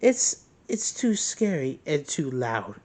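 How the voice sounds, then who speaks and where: A young-sounding performer voicing a frightened baby girl in an amateur plush toy skit, whimpering in a high, drawn-out way. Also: sing-song, a little mellow. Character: scared crying baby girl.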